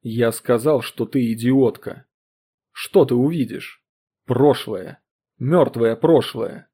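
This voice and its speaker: A man voicing a bitter older historian in an audiobook reading, speaking slowly and cuttingly with harsh contempt. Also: lively intonation, warm tone, husky. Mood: cold. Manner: low, slow, cutting, then furious.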